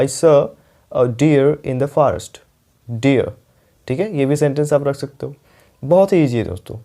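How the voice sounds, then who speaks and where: A young man teaching an English grammar lesson, with an Indian accent, explaining patiently and repeating example sentences slowly. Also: a little high, gravelly, mellow.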